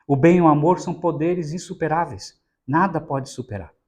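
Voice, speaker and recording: A man giving a didactic spiritist Bible lecture. He speaks in a slightly higher-than-average male voice and keeps checking in with "né?". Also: moderate pace, a little mellow. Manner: explanatory, frequent tag "né?".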